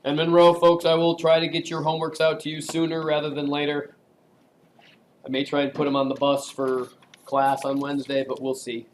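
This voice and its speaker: A man's voice: fairly high pitch, monotone, a little fast, recorded from a distance, a little hiss or hum. A man teaching a statistics class in a casual, joking lecture style, quizzing his students. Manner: joking, chatty, asks class questions. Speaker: statistics instructor. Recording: echoey classroom recorded from afar.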